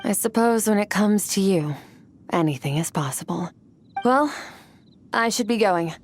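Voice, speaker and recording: A woman playing an ageless, aloof female warrior in a video game, solemn, measured and philosophical. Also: mid-range voice, animated, close to an everyday voice. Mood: gently hopeful. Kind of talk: video game character acting. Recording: game dialogue over loud music.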